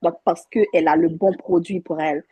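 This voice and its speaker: A woman's voice: fairly low pitch, fairly even intonation, moderate pace, warm tone, husky, dry recording. A woman, a mother and workshop participant, earnestly telling a personal story with frequent restarts. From Haiti. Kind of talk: personal story on a video call.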